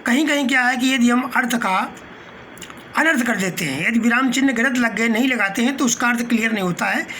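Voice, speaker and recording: A man's voice: very high voice, sharp tone. Male teacher, patient lecturing tone, stops on fillers, glosses terms, faint hiss. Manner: patient and explanatory, glossing Hindi terms with English words; pauses mid-phrase with short fillers. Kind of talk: spoken lecture.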